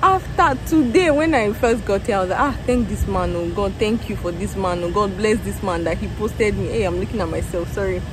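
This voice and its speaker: A young woman, tired after a factory shift, telling her day in an animated casual vlog into a phone held at arm's length outdoors. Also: mid-range voice, fairly quick, few pauses. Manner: tired, animated storytelling with laughs and exclamations. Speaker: vlogger. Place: outdoors in a parking lot beside a factory building. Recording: phone outdoors with traffic noise.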